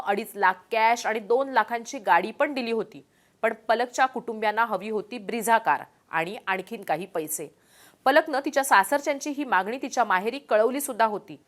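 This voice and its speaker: A woman reading a scripted news story in a grave, measured way, with a Marathi accent. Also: a little high, a bit bright. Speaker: news narrator.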